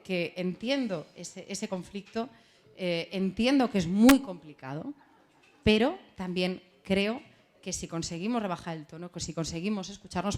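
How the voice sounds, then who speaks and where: A woman from Galicia speaking as a panelist in a round-table debate, earnest and repeating phrases for emphasis. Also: medium pitch. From Galicia, Spain.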